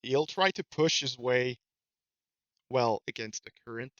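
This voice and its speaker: A man's voice: mid-range voice, a little slow, a bit bright, dry recording, highs cut off. A man playing a tabletop game who laughs a lot and asks hesitant questions. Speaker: player. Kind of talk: casual tabletop play.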